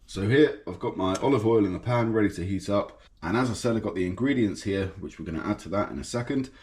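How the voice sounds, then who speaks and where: A fishing and cooking vlogger with a blocked nose talks fast in a fairly low voice while cooking in his home kitchen. Relaxed and enthusiastic about the food, he offers casual commentary over a sizzling pan, and the kitchen sounds echoey with frying noise.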